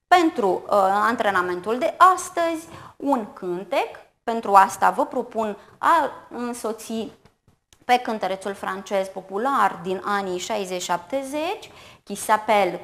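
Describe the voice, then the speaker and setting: Slow, careful woman teaching French. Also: medium pitch. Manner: slow, careful enunciation of syllables and words; repeats each phrase in two languages. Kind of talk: bilingual TV lesson, French with Romanian translation.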